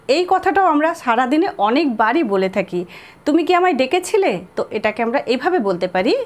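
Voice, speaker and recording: This high-voiced woman, speaking with a Bengali accent, gives spoken English lessons in which she slowly repeats sample sentences and spells out words one letter at a time.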